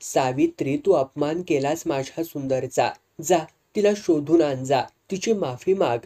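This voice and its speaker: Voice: medium pitch, unhurried, dark tone, natural voice. A storyteller voicing a bedridden, ailing old man who is sarcastic and bitter. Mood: scolding. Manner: sarcastic, scolding.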